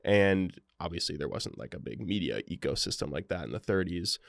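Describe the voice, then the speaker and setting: A man's voice: sits low, lively intonation, fairly quick, vocal fry, no room sound. A young man co-hosting a podcast in casual chat, wry and rambling, full of fillers. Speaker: podcast co-host.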